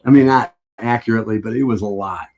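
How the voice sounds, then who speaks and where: A middle-aged man with a husky voice, rambling with restarts as he reminisces in a casual chat. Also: lowish voice, quick pace, a little mellow. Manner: rambling, with frequent restarts and laughs.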